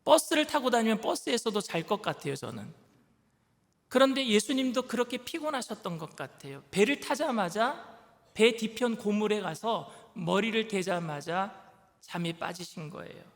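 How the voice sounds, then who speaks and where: A man's voice: high voice, expressive, moderate pace. A male pastor giving a conversational sermon, now and then acting out the disciples' anxious complaints. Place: church sanctuary. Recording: church hall reverb.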